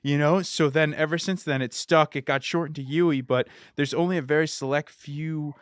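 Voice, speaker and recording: A man hosting a podcast interview, thanking his guest and telling a story in a relaxed, chatty way. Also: fairly high pitch, normal speed, no echo, studio quality. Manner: relaxed storytelling, acts out quoted lines. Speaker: podcast host. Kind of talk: casual interview chat.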